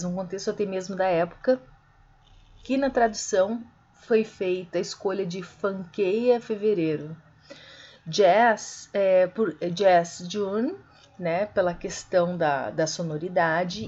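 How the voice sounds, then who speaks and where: A woman teaching an online literature class, explaining slowly, with many fillers and corrections. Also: fairly low pitch, darkish tone, muffled recording. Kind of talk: online lecture.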